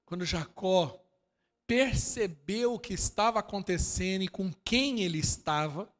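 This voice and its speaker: A Brazilian man delivers a sermon in a high, bright voice. He moves from soft asides to shouting and keeps challenging his listeners with questions. His voice rings with the long reverb of a church hall. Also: unhurried. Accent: Brazilian Portuguese. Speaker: pastor.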